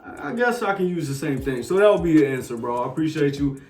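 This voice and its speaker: In a casual Q&A vlog, a sneaker YouTuber in his twenties with a Jersey accent, from New Jersey, answers viewers' questions in a slangy, easygoing way with plenty of fillers. His fairly high voice is sing-song and fast. It's recorded from a distance, off-mic, in an echoey room with faint music.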